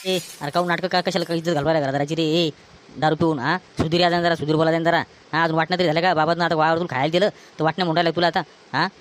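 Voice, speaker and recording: A man's voice: a little high, flat delivery, a little hiss or hum, natural voice. A man with a Varhadi Marathi accent playing an angry brother who scolds his drunk sibling in a village comedy skit. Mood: scolding. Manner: scolding, rapid-fire.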